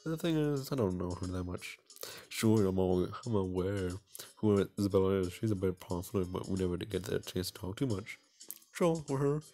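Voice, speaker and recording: Warm and low, with lively intonation and a moderate pace, this let's play host mixes read-aloud narration with casual gaming commentary. He keeps tripping over words as he reads and pokes fun at himself along the way.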